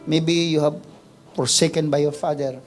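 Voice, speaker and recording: A man preaches to a church congregation with raw emotion, his fairly high voice swelling from hushed reflection into loud, stretched-out cries. Soft music plays faintly beneath him. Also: steady tone, a little slow. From Philippines. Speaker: pastor. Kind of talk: impassioned sermon mixing Tagalog and English. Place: church service before a congregation.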